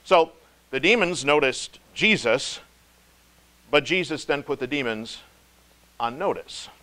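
Emphatic pastor man, slightly high voice. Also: lively intonation. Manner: emphatic, slow stress on key words, wide swings in loudness. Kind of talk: devotional sermon.

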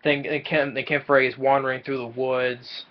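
A man's voice: medium pitch, flat delivery, moderate pace, lo-fi sound, a little hiss or hum. A young man casually recapping a film's plot from a small room, often stumbling and repeating words as he goes. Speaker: movie reviewer.

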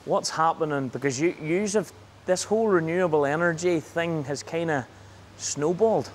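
A man's voice: a little high, normal speed, slight background noise. A man hosting a casual interview outdoors in a farm yard, chatty and jokey. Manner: chatty and jokey, with frequent laughs. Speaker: interviewer and show host.

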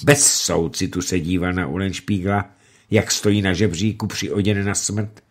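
A man narrating a novel aloud for a radio reading, in an expressive, dramatic way. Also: low voice.

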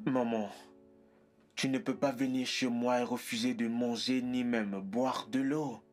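A man's voice: mid-range voice, steady tone, measured pace, faint music behind, lightly acted. An actor dubbing a well-off son who anxiously pleads with his mother in a film drama. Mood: pleading. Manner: pleading, persuasive.

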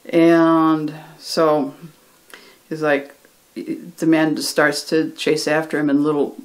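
A conversational teacher retelling a story. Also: medium pitch. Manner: loose and conversational, with frequent restarts and acted quotes. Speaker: ESL reading teacher. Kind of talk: casual retelling of a book chapter.

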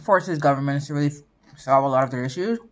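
A mukbang vlogger with a very deep voice chats casually to her viewers while eating, talking quickly. Between bites come eating sounds and little hums.

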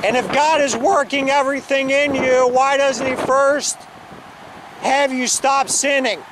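In a church parking lot outdoors, an earnest man with an extremely high voice speaks at a measured pace, first preaching loudly and insistently, then debating a passerby more calmly. Wind buffets the outdoor camera mic.

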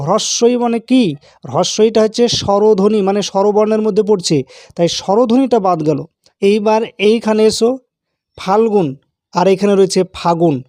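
A man's voice: sits high, warm tone, dry recording, clean studio sound. A man teaching a grammar lesson in a patient, repetitive way, asking the learner questions as he explains. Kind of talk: classroom-style grammar lesson.

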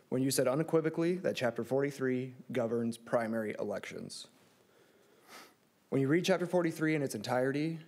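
A lawyer in his thirties argues an appeal at the lectern of a large courtroom, delivering a formal legal argument into the lectern microphone. His voice is mid-range with a darkish tone.

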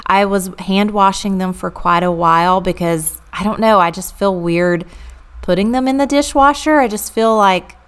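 Telling amused stories from her childhood, a woman vlogger chats over a clean-with-me video. She speaks at a moderate pace with a smooth, medium-pitched voice.

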